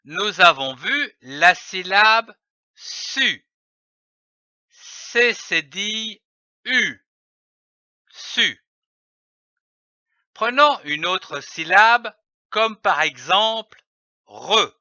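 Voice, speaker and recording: A man teaches reading at a very slow, deliberate pace, sounding out each letter and syllable. His voice is high and bright, with a lively, sing-song rise and fall. The recording is dry and a little dull. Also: no room sound. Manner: spells letters and sounds out slowly and carefully.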